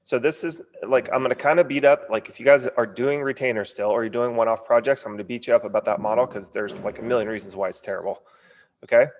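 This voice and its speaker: A man's voice: mid-range voice, fast, long reverb tail. An American man coaching a casual sales webinar, punchy and informal, stumbling a little over his words as if his lip is numb from the dentist. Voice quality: stumbling, numb-lipped speech from a partly numb lip. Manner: informal, punchy, frequent check-in tags. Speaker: online course coach.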